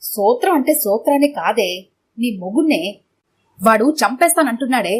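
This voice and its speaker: A man's voice: very high-pitched, lively intonation, normal speed, breathy edge, heavily acted. A woman narrator voicing a henpecked husband who is meek and sarcastic. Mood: sarcastic pleading.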